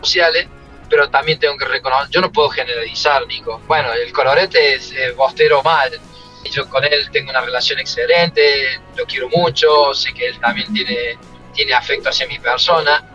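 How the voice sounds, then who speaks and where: A man's voice: mid-range voice, normal speed, bright, forceful tone, lo-fi sound, soft background music. A middle-aged man with an Argentine Spanish accent, a former footballer and coach telling stories from his career in an interview. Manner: emotional, reflective storytelling. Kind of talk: interview answers.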